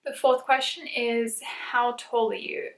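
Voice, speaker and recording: A South African YouTuber in her twenties has a casual get-to-know-me chat on her channel, laughing often and leaning on lots of "um"s and "like"s. Her voice is a little high and steady, she talks slowly, and the room is echoey.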